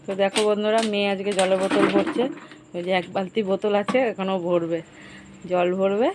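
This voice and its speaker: A woman's voice: medium pitch, steady tone, a little fast, very noisy. A middle-aged woman vlogging to viewers as she moves through housework and cooking at home, chatting casually and repeating herself. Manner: running commentary on chores, repetitive. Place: home kitchen.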